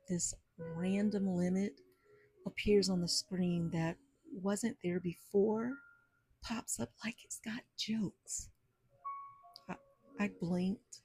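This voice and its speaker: Slow, gravelly, dark-voiced woman storyteller. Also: lowish voice, no echo, rough recording. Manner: animated, sassy storyteller with faith talk. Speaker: podcast host. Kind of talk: storytelling monologue. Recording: soft jazz music behind.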